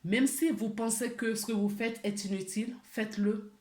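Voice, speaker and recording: A woman doing a weekly spiritual card reading, gently encouraging her viewers and repeating key words for emphasis. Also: a little high, steady tone, moderate pace, echoey room. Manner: gentle and encouraging, often asks for agreement. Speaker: tarot and oracle card reader.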